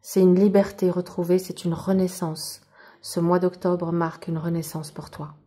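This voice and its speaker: A woman with a lowish, dark voice speaks at a normal speed with little rise and fall in pitch. She's a tarot reader doing a monthly reading, talking casually and spiritually right to the viewer, and she often exclaims in wonder at the cards with real enthusiasm.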